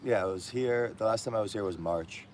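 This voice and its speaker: A diaspora Armenian man with a low-ish, darkish voice speaks briskly, with a little hiss or hum on the recording. As a guest in a casual conversation indoors in Armenia, he reflects thoughtfully and hesitantly, using many fillers.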